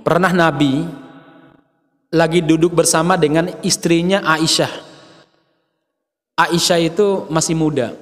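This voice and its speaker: A man's voice: fairly high pitch, steady tone, unhurried, pauses often, in a large hall. A man preaching a sermon, joking with the audience and acting out little quotes.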